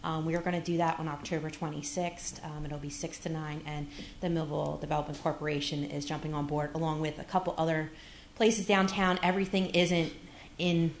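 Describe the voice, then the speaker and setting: A woman's voice: sits low, little pitch movement, a little fast, a little hiss or hum. A woman giving upbeat, chatty remarks at a public city meeting, with plenty of fillers. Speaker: city events organizer. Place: council chamber. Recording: echoey meeting room.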